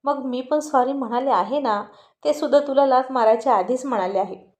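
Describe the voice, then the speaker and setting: A woman's voice: high-pitched, normal speed, darkish tone, natural voice. A woman doing a snappy, hot-tempered teen girl. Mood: angry. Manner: snappy, indignant. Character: angry teenage girl, quick-tempered and sharp.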